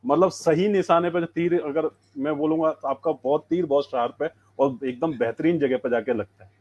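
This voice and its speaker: A man's voice: on the high side, normal speed, a little mellow, lo-fi sound. A man co-hosting a religious debate stream, enthusiastic and full of praise for the host.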